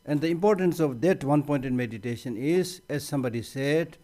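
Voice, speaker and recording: Brief: male Buddhist teacher, mellow tone, chatty restarts, light humor. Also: a little high, a little fast. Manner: conversational, repeats words as he restarts. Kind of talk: conference teaching talk.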